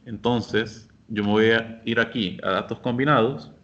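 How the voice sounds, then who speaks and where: A man teaching a software class, explaining each step patiently and speaking directly to his students. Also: on the low side, measured pace, highs cut off. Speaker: instructor. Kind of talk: screen-share software lesson.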